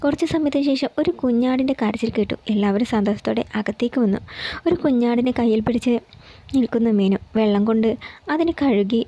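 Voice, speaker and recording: A woman reading a romance story aloud in a calm, steady way. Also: fairly high pitch, a little fast, muffled recording.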